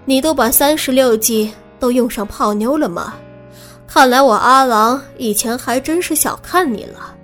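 A woman voicing a cocky, cunning young man in a serialized audiobook, speaking loudly with swagger. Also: sits high, moderate pace, faint music behind. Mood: mocking. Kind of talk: audiobook character reading.

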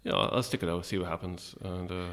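A man with an Irish midlands accent talking casually and a little hesitantly as an interview guest, in a low-key, wry way. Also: little pitch movement, fast talker, a bit bright. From Longford, Irish midlands.

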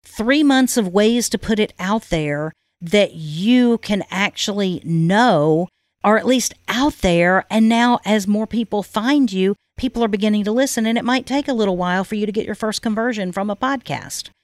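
A woman's voice: medium pitch, normal speed, no room sound. Woman, solo podcast host, direct and emphatic coaching tone, dry close-miked sound. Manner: direct, emphatic, pushes listeners with repeated points.

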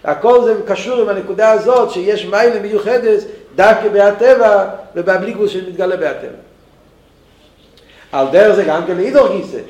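High-voiced man teaching in an echoey room. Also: a little mellow. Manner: thinks aloud with many restarts. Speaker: Torah teacher.

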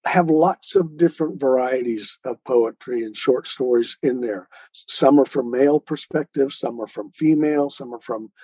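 On a dull, lo-fi recording with no echo, a man of medium pitch speaks at a normal speed, his voice a little mellow and slightly rough. He is a poet and author being interviewed, and his answers are earnest, conversational, and explanatory.

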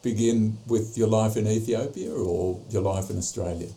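Male interviewer, brief prompts, very dark voice heard from away from the mic. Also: on the low side, normal speed, creaky, far from the mic. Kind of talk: short interview questions.

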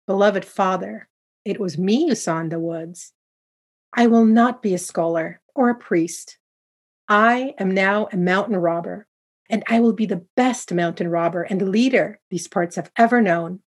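A woman voicing a young man who becomes a mountain robber, speaking earnestly and forcefully. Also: mid-range voice, unhurried, lightly acted. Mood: proud. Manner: earnest, pleading then commanding.

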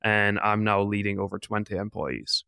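Man, twenties, from the Czech Republic, entrepreneur guest, motivational, lowish pitch, dry. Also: moderate pace, vocal fry, pushed and bright, clean tone, no echo. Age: 20s. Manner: earnest, motivational. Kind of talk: casual interview answers.

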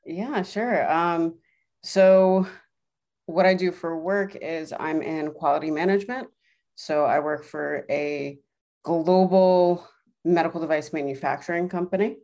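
A woman with a fairly low voice, talking casually as a guest on a podcast. She tells her own story in a conversational interview style. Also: steady tone, unhurried, darkish tone.

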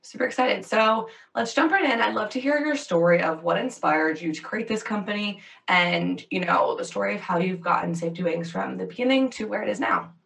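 A woman's voice: medium pitch, animated, brisk, vocal fry, hardly any pauses, fairly bright tone, recorded from a distance, low-quality recording. A woman hosting a podcast, speaking in an upbeat, enthusiastic way as she introduces and questions her guest. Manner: enthusiastic, bubbly. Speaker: podcast host.

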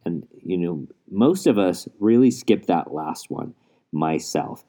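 Man, very deep voice, dark tone, earnest rambling podcast host, muffled under a blanket in a closet. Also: animated, slow pace. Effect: muffled, recorded under a blanket. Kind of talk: casual solo podcast monologue.

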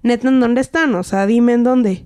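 Young Mexican woman, podcast co-host, animated storyteller who voices every quote. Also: on the high side, moderate pace. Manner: animated, acts out quotes, laughs often. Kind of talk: casual storytelling chat.

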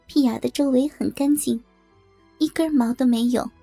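High, gravelly-voiced woman narrator. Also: steady tone, moderate pace, dark tone, soft background music. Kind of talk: first-person audiobook narration.

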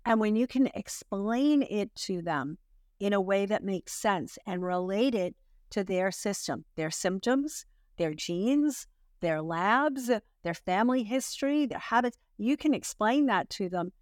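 A woman's voice: mid-range voice, expressive, measured pace, darkish tone, dry recording, clean studio sound. A woman hosting a health podcast, talking through a list of points and backing up her guest. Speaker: podcast host. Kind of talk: casual podcast interview.

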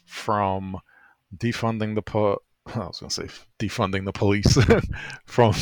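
A man's voice: mid-range voice, no room sound. Man, podcast co-host, reflective, laughs easily, dry close sound. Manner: reflective, self-deprecating, laughs often. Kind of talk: casual political podcast chat.

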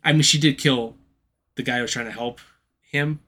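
A man's voice: mid-range voice, steady tone, moderate pace, a bit bright. A man co-hosting a casual podcast, giving a loose, profane recap of a film's plot. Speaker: podcast co-host. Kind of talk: casual chat.

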